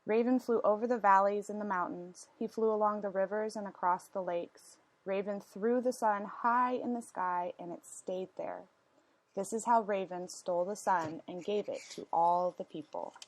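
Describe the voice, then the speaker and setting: A woman reading a storybook aloud as narration, with expressive, deliberate phrasing and questions to her listeners. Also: medium pitch, no room sound, poor audio. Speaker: storyteller reading a picture book.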